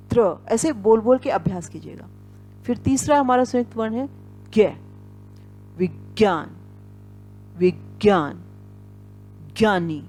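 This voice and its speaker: A woman's voice: fairly high pitch, darkish tone. A woman teaching Hindi pronunciation, saying each sound and example word several times over and checking in often. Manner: frequent "ठीक है" check-ins. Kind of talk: pronunciation lesson.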